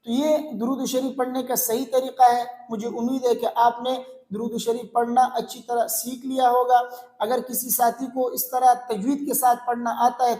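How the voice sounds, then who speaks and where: A man with a notably high voice gives a recitation lesson. He is patient and deliberate, repeating phrases slowly so they can be learned. The recording sounds roomy and echoey. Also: darkish tone. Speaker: religious teacher.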